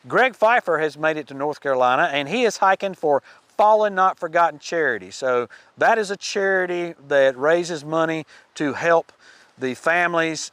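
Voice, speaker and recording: A man's voice: a little high, a bit bright, clear, resonant tone, dry recording. A man hosting a podcast, giving a chatty, folksy update on hikers with casual fillers and restarts. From United States. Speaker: podcast host.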